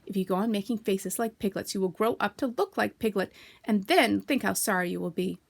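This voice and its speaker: A woman voicing a motherly female kangaroo who talks in a brisk, soothing way, in a storybook reading. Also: mid-range voice, vocal fry.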